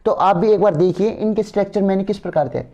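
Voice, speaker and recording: Man, exam-prep grammar teacher, low warm timbre, repetitive checking-in delivery. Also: quick pace. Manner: asks students for agreement, repeats words.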